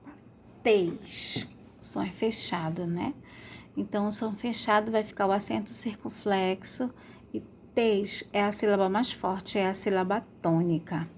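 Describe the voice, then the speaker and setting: A woman leads a remote lesson for schoolchildren, lengthening words to model their sounds and checking on pupils often. She has a medium pitch, fairly even intonation, and a moderate pace, with slight background noise present.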